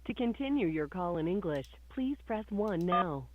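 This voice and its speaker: A woman's voice on a recorded phone menu message, reading scripted prompts in an even, measured way. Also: fairly low pitch, over a noisy crowd. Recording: tinny dry phone line.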